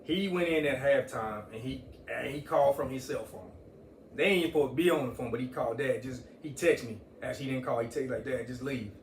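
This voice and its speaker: A man recounts events in an animated, casual way and acts out the people he quotes. His voice is a bit distant from the mic in an echoey room, with faint ambient noise behind. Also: medium pitch, fairly quick. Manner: animated storyteller, quotes others, Southern US vernacular. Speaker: guest, father and coach. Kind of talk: casual storytelling.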